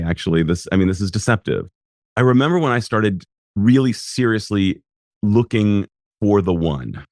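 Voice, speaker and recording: A man hosting a podcast, reflecting in a measured way and asking his guest questions. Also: low voice, no room sound, studio quality. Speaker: podcast host, psychologist. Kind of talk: casual interview chat.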